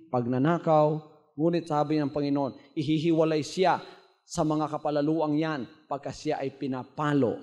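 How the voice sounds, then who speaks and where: High-voiced pastor preaching emphatically. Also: male voice, big-room sound. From Philippines. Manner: emphatic preaching with sudden swells in loudness. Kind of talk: sermon.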